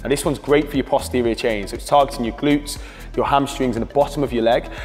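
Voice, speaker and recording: Calm, steady coaching cues come from a British fitness coach in an instructional workout voice-over. His medium-pitched voice moves at a quick pace, with a long hall reverb and faint music underneath.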